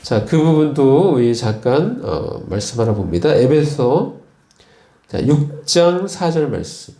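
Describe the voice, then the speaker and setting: A male pastor preaching a sermon, retelling stories slowly with frequent fillers and repeated words. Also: mid-range voice, big pitch swings, mellow, reverberant. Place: church.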